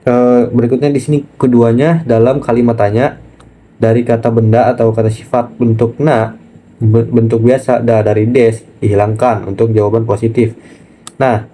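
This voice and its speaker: A man teaching a casual online language lesson, chatty and relaxed, often pausing on fillers and speaking to viewers as friends. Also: mid-range voice. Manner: chatty, keeps saying "nah" and addressing viewers as friends.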